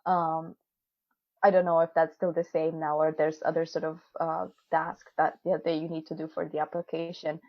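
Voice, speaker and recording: Low-pitched and flat in delivery, this woman speaks at a moderate pace during a casual video call interview. She is a PhD student in her twenties whose first language isn't English, and her talk is full of laughter, fillers, and restarts. The audio comes through dull and dry with no echo.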